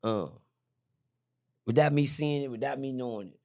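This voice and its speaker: A middle-aged man, a podcast guest, telling a story in a lively, slangy way, repeating himself and jumping high when excited. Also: moderate pace, gravelly. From Texas. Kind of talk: animated storytelling. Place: podcast studio.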